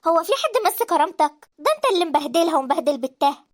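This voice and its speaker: A woman's voice: extremely high pitch, animated, very fast. Woman playing a lecturing Egyptian mother-in-law. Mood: scolding. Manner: lecturing and reproachful. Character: stern older mother-in-law, fair-minded. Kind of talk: animated drama dialogue.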